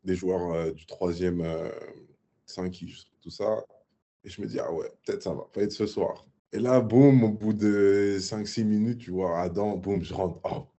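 A young man in his twenties, a guest in a casual interview, telling a story in a lively way with sound effects and many fillers. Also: low-pitched, a little slow. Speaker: guest basketball player.

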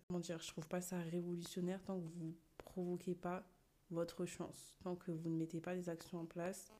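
A young woman hosts a podcast, speaking casually and expressively to listeners and dropping in English words. Her voice is fairly low and dark, and the sound quality is poor.

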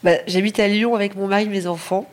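A woman's voice: mid-range voice, steady tone, fast. A middle-aged woman from Paris, a designer answering podcast interview questions with many fillers and restarts. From Paris, France. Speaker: lighting designer, guest.

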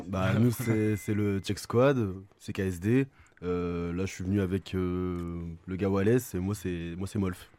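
A man's voice: low-pitched, fairly even intonation, measured pace, warm tone. A young man from France, chatting casually as an interview guest in slangy, hesitant phrases. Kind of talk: casual chat.

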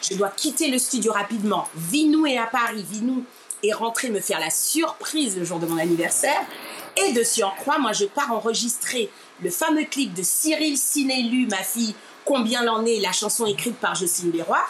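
A woman's voice: fairly high pitch, moderate pace. A woman from Martinique telling a personal story as an interview guest. She acts out the people she quotes and keeps calling the listener "my dear.". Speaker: interview guest, radio presenter. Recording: steady background noise.

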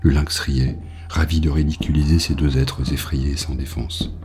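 A male audiobook narrator with an extremely deep, dark voice. He reads in a grave, measured way, letting each phrase land. The tone stays mellow and low throughout. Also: level tone, faint music behind.

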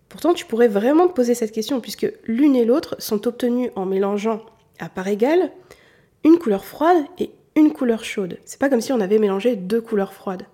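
A woman with a warm, mellow and slightly husky voice gives a patient lesson, speaking straight to the viewer. She comes from southern France and keeps only a faint trace of a southern French accent. She often circles back to repeat her main points. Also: a little high. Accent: southern French, mostly hidden. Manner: patient, addresses the listener directly, repeats key points. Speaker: colour analysis consultant. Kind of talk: explanatory talk to the viewer.

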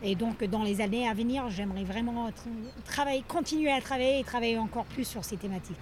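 A woman's voice: fairly high pitch, fast talker, a little mellow, a little hiss or hum. A woman guest in a casual interview, talking hesitantly with many fillers. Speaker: guest athlete.

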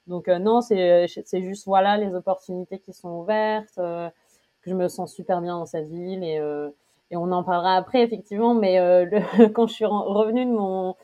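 A woman in her thirties from France chats through an interview on a dull, lo-fi recording. Her voice sits a little low. She hesitates often and breaks into laughter. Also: fairly even intonation, moderate pace, dark tone. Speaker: interview guest. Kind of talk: casual conversational interview. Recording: dull lo-fi sound.

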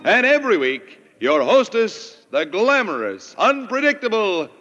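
A man's voice: sits high, sing-song, unhurried. An American man in the manner of an old radio announcer, formally and grandly reading a scripted show introduction on a vintage broadcast. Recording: vintage 1950s radio broadcast, muffled, over music. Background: loud music.

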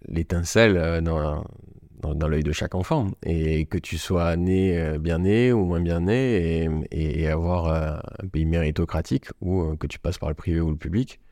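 A man in his forties with a southern French Marseille accent, speaking as a podcast guest. His voice is very low and the sound is dry and close. He tells his story loosely, often stopping and restarting his sentences. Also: normal speed, dark tone, no echo. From Marseille, France. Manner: rambling storytelling with many restarts. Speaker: guest entrepreneur. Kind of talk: casual podcast interview.

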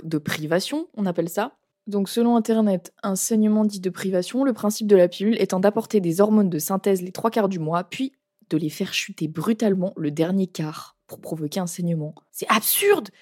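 A young woman hosting a podcast, telling personal stories casually and candidly in exasperated slang, her voice roughened by a cold. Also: medium pitch, mellow. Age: young adult. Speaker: podcast host.

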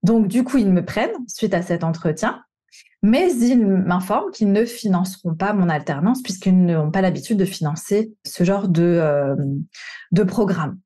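A coach in her thirties who runs a podcast recounts her own career in a monologue, speaking at a moderate pace with lively intonation in a warm, medium-pitched voice. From the Paris region of France, she talks candidly and casually, using some slang.

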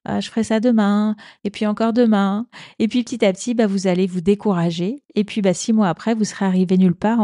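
A woman's voice: mid-range voice, warm tone, no echo, studio quality. A woman hosting a career advice podcast, talking in a conversational coaching way with frequent little fillers. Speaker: podcast host.

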